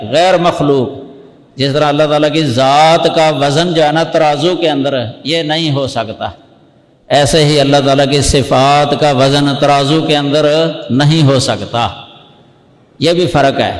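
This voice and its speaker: A man's voice: fairly high pitch, steady tone. Man teaching scripture in an echoey hall. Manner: explanatory, repeats key terms slowly for emphasis. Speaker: Islamic scholar teaching hadith. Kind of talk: Urdu religious lesson. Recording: echoey hall with long reverb.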